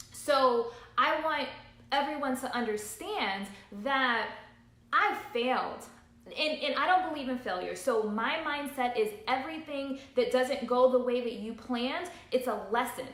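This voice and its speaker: A business coach in her thirties speaks in a motivational livestream, earnest and emphatic, repeating points to drive them home. Her fairly high voice is a bit bright, and the sound is roomy and echoey.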